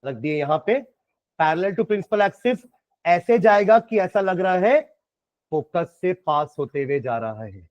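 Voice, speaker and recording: A man's voice: sits high, animated, slow, a little mellow, no echo, highs cut off. A man with an Indian accent teaching science, working through problems step by step and quizzing his students. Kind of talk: classroom lecture solving problems.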